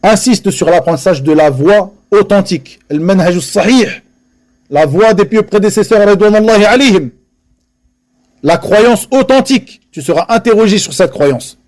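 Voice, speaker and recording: Speaking in French before a live audience, a man gives a religious lesson with earnest emphasis, repeating key phrases and weaving in Arabic religious terms. His voice is high-pitched and expressive, with a darkish tone and a moderate pace.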